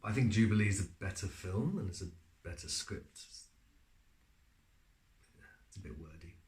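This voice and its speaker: Relaxed chatty man in a roomy space. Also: low-pitched, normal speed, a little hiss or hum. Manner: relaxed, chatty storyteller with frequent fillers. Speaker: actor being interviewed. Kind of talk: casual interview answers.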